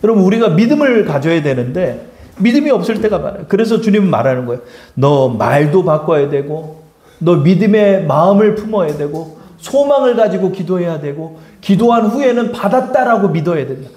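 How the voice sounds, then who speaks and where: A man's voice: sits high, lively intonation, a little fast, darkish tone, roomy sound. A man preaching a sermon as a pastor, emphatic, throwing rhetorical questions and acting out quotes. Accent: Seoul Korean. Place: church sanctuary.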